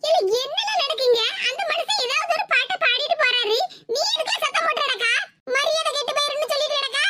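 A nagging cartoon mother with a Tirunelveli Tamil accent, her voice pushed extremely high and squeaky. She rattles off complaints in a sharp-tongued way. A loud hiss sits under the recording. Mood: exasperated. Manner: nagging, scolding, rapid complaints. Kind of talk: animated comedy sketch voice acting.

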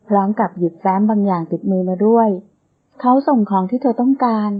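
A woman narrating a romance novel in a steady storytelling manner. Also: mid-range voice, brisk, husky. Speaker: audiobook narrator. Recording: tinny phone-like sound.

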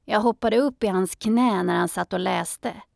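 A woman narrating a children's audiobook in a calm storytelling manner. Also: mid-range voice, gravelly, no echo, clean studio sound.

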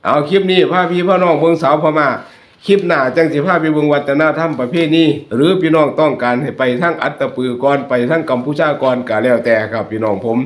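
A man's voice: on the high side, fast talker. A man with a Northeastern Thai Isan accent, hosting his channel and chatting jokingly with viewers over photos. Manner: chatty, joking, addresses viewers as brothers and sisters. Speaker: YouTube channel host. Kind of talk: casual commentary over photos. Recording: roomy echo.

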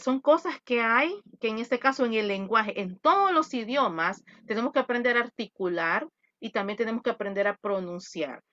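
A woman's voice: a little high, fairly bright tone. A woman teaching an English class over a video call, coaching her students affectionately and explaining patiently. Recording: muffled video call audio.

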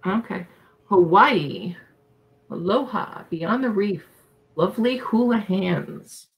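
This chatty Long Island woman runs a live record auction from a small home room crammed with shelves, musing aloud as she reads off album titles in a friendly, meandering way. She speaks slowly in a mid-range voice with lively intonation, on a low-quality recording with slight background noise.

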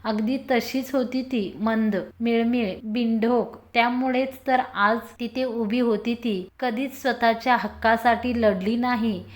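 A woman narrating a story in a steady, even reading voice. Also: a little high, measured pace, few pauses.

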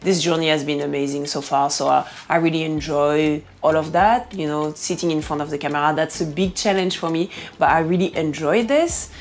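A woman's voice: sits low, a little fast, few pauses. A woman with a French accent answering viewer questions to camera in an earnest, encouraging way, often restarting her sentences. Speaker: fitness and nutrition vlogger. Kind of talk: casual Q&A monologue to camera.

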